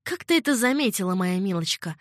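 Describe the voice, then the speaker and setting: A woman's voice: medium pitch, lively intonation, fairly quick, no room sound, studio quality, natural voice. A woman reading an audiobook, voicing a proud young captive noblewoman in a raised, heated, indignant tone.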